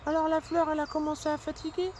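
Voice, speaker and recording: A woman's voice: sits high, little pitch movement, fast talker, a little mellow, slight background noise, close to an everyday voice. A woman voicing a cheerful young male squirrel who tells a children's story in a chatty way, full of fillers. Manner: chatty, uses many fillers.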